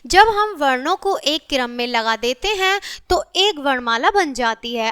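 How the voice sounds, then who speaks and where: Woman, teacher, lesson for young children, high voice, repeats points in simpler words, keeps asking "okay?". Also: fairly bright tone, dry recording, clean studio sound. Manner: asks "ठीक है?" after almost every phrase; repeats each point in simpler words, stretching sounds slowly.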